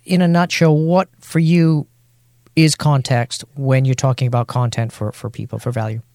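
A man's voice: medium pitch, level tone, normal speed, gravelly, darkish tone, dry recording, clean studio sound. A man hosting a podcast interview, talking casually with a few hesitations. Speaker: podcast host.

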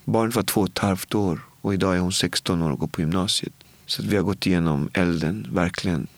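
A man in his forties with a fairly low voice tells a personal story in a casual, heartfelt way, full of everyday filler words and quoted exchanges. He is recorded close and dry, with no room sound. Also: dry recording. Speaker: guest.

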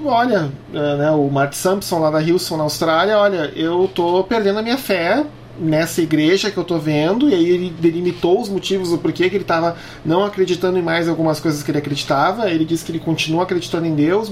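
A man co-hosting a casual talk show, telling examples in an animated, indignant way. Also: high voice, a little hiss or hum. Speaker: podcast co-host. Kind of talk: casual conversation.

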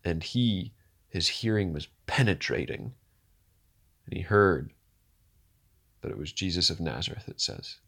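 A man preaching a sermon, swinging from hushed, slow lines to loud, rousing ones and asking the listeners rhetorical questions. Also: sits low, lively intonation, creaky, breathy edge.

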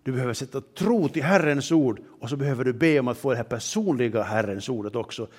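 A man's voice: mid-range voice, lively intonation, slightly rough. A man preaching a sermon in an earnest way, often asking rhetorical questions and reading scripture aloud with emphasis.

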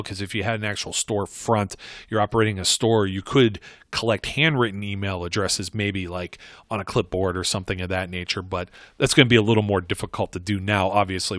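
A low-pitched man speaks in a relaxed, conversational monologue, circling back and correcting himself as he goes. The sound is dry and close, with no room echo. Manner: rambling, conversational, frequent self-corrections. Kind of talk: casual advice monologue.

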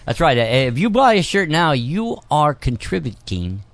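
A man's voice: fairly high pitch, very animated, normal speed, no echo. A man co-hosting a radio show, joking and rambling with lots of fillers in casual banter. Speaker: radio co-host.

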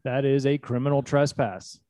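A man's voice: mid-range voice, steady tone, moderate pace, mellow, dry recording, studio quality. A man chatting casually and explaining things in an informal, agreeable way. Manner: agreeable, informal, interjects short affirmations.

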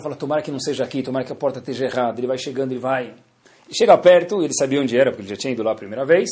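A rabbi teaching a Torah lesson with stories, lively, swinging between loud emphasis and soft asides, and acting out the dialogue. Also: male voice, medium pitch. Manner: acts out dialogue in his stories.

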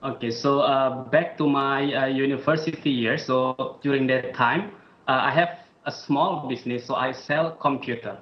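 Male interview guest, Indonesian accent, careful halting delivery, roomy muffled audio. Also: mid-range voice. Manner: careful, halting speech with "uh" fillers. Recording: roomy, dull remote line.

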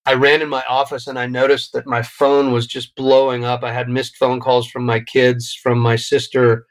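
A man's voice: mid-range voice, flat delivery, normal speed, low-quality recording. A middle-aged man, a guest in an interview, telling a personal story in a reflective, emotional way with frequent restarts. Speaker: podcast guest. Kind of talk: interview conversation.

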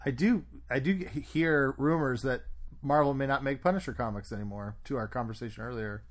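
A man's voice: medium pitch, brisk. A man hosting a podcast, chatting casually and opinionatedly about comics news. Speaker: podcast host. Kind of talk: casual chat.

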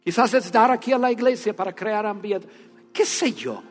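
A man preaching a sermon, telling a story with animation and then speaking in a hushed, earnest tone. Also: high-pitched, moderate pace, soft background music. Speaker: pastor. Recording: long reverb of a church hall.

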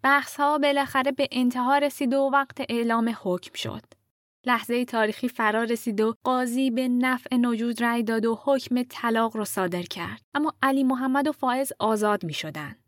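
A woman's voice: fairly high pitch, dry recording. Woman narrating a story, dry close sound. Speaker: podcast narrator.

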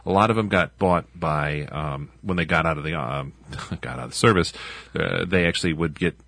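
A man's voice: low voice, moderate pace, vocal fry, a bit bright, dry recording. A man co-hosting a podcast, rambling casually about old trucks with lots of fillers. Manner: rambling, filler-heavy, laughs often. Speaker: podcast co-host. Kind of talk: casual car chat.

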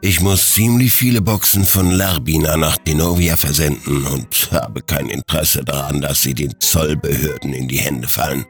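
A man voicing a relaxed, menacing gangster boss in a storybook reading, drawling slowly and sounding self-satisfied. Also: a bass voice, faint music behind. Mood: smug. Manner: slow, drawn out and self-satisfied.

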